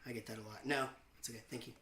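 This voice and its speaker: A man hosting his own show, chatting and telling rambling, self-mocking stories between songs with deadpan jokes. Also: medium pitch, very fast. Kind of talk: casual banter between songs. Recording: roomy echo with faint guitar.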